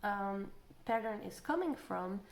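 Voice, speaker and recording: A woman's voice: medium pitch, animated, a little slow. Musing woman tarot reader in an echoey room. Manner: musing, thinking aloud, trailing off and repeating phrases. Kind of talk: casual spoken tarot energy reading. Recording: roomy echo, clear background noise.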